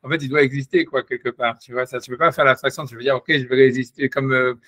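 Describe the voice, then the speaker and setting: Fast-talking man musing on Torah. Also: medium pitch, flat delivery, a bit bright, dry recording. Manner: rambling, many restarts and "tu vois". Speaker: Torah teacher. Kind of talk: casual Torah discussion.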